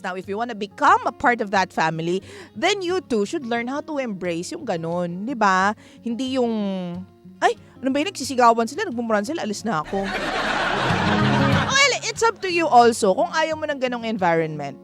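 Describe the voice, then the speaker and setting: A woman's voice: on the high side, sing-song, normal speed, fairly bright tone. A woman hosting a radio advice show, chatty, playful and frank, laughing often. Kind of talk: late-night radio advice talk. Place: radio studio. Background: music bed.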